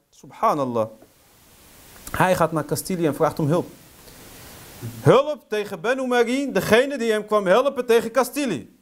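A man lecturing on history, telling it as a story with rhetorical questions and getting heated and indignant. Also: high-pitched. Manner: sprinkles Arabic phrases into speech.

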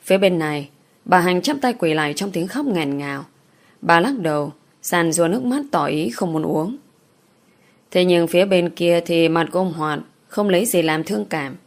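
Woman narrating a novel, lowish voice. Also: lively intonation, normal speed.

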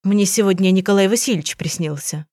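A woman's voice: mid-range voice, a little fast, a little mellow, no room sound, studio quality, lightly acted. A woman reading an audiobook, voicing an eccentric, theatrical aunt who is a writer, in a plaintive, dramatic manner.

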